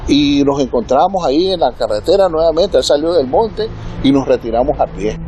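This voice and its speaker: A man's voice: on the high side, animated, moderate pace, dark tone, soft background music, low-quality recording. A man recounting a dream and an ambush, imitating gunfire with his voice. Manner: vivid storytelling with gunfire sound effects. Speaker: interviewed witness. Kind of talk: recorded testimony.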